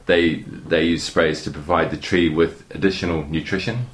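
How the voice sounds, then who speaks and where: A man's voice: extremely low pitch, fairly even intonation, moderate pace. A middle-aged man with a New Zealand accent, a guest chatting hesitantly with many fillers and restarts. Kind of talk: casual interview talk.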